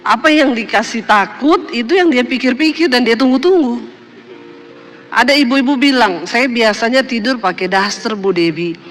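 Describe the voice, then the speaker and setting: Woman pastor, sermon storyteller, high and bright, animated, acts out quoted voices, faint room noise behind. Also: normal speed.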